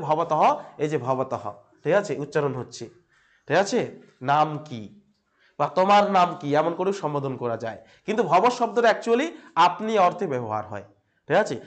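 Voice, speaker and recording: A male teacher with a Bengali accent gives a classroom grammar lesson, asking questions and repeating the answers as he checks on his students. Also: high voice.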